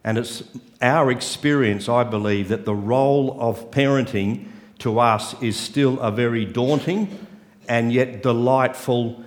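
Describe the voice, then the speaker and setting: An older man with an Australian accent, preaching as a guest pastor in short phrases that leave pauses for an interpreter, with light humour. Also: medium pitch, steady tone. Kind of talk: sermon with live interpreter. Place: church sanctuary. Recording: reverberant church hall.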